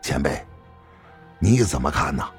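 A man's voice: extremely low pitch, sing-song, measured pace, breathy edge, faint music behind, pitched below the performer's own voice, heavily acted. A man voicing a polite, restrained young adventurer who speaks respectfully.

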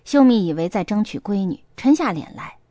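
A woman reads a story aloud, expressive and storytelling, with a lively, wide-ranging pitch. The recording is dry and close, with no room sound. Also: a little fast, no room sound. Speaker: narrator. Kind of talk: audiobook narration with acted dialogue.

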